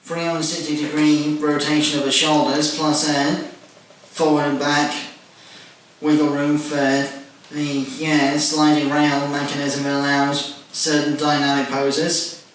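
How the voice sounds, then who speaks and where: A man talks through a toy review in a level, fairly high voice that barely rises or falls. He works methodically through each feature and tacks on "and whatnot". He sits well back from the mic in a very echoey room, with faint noise underneath. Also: completely flat delivery, slow, far from the mic. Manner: methodical, listing details with "and whatnot". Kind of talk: casual toy review walkthrough.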